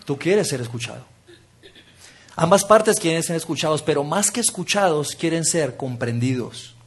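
A man preaching a sermon, engaging the audience with exercises and dropping to a soft, intimate tone for key points. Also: a little high, lively intonation, moderate pace, breathy edge.

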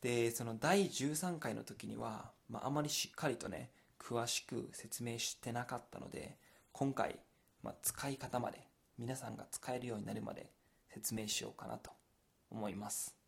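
Gravelly Kansai man teaching phrases. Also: medium pitch, normal speed. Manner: patient, explains step by step, mixes in English glosses. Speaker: language teacher. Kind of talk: explaining Kansai dialect phrases to learners.

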